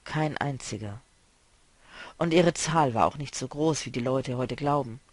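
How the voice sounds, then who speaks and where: A man reading a novel aloud, voicing a weary, melancholy male traveler who speaks quietly and broodingly. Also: mid-range voice, a little slow, dry recording, close to an everyday voice. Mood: explaining.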